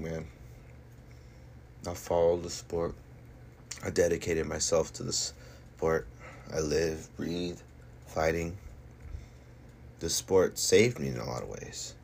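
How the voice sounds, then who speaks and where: A man speaking off the cuff as a fighter on a casual stream, cocky and boastful, hammering his points with emphatic repetition and slangy swearing. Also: low-pitched. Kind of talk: casual livestream monologue. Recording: noticeable background noise.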